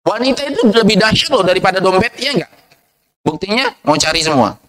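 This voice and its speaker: A man preaching a sermon, lively, asking the audience questions and answering them himself. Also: fairly quick, poor audio. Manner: lively, swings from low asides to high rhetorical questions.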